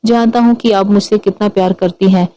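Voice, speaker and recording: A woman's voice: mid-range voice, fairly even intonation, brisk, mellow, lightly acted, rough recording. A woman voicing a playful, lovestruck young man who talks in a smiling, teasing way. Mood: loving.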